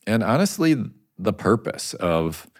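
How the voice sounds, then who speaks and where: A man with a low, deep voice talks on a podcast as a pastor. He speaks earnestly and repeats words to drive his point home. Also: very animated, measured pace. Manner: earnest, repeats himself for emphasis. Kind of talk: casual podcast conversation.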